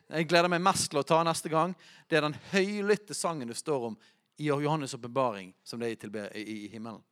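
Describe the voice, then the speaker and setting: A man preaching a sermon, rising to shouts when quoting. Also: a little high.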